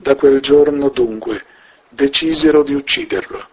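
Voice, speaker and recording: A man giving a solemn, measured scripture reading. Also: medium pitch, lo-fi sound, a little hiss or hum. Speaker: scripture reader.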